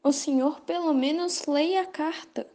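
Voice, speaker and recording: A woman's voice: sits high, measured pace, darkish tone. A woman playing an earnest young male servant who speaks matter-of-factly in a stage play.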